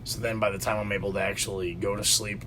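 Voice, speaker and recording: A podcast co-host talks quickly in a lowish, flat voice from his home basement, with background noise behind him. It's casual chat, and his story wanders, with plenty of restarts and filler words.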